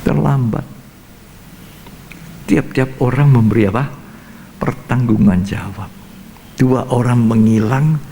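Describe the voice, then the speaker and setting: A man's voice: mid-range voice, gravelly, darkish tone, slight background noise. An older man preaching a Bible study sermon as pastor, emphatic and repetitive, acting out scenes, in a reverberant church hall.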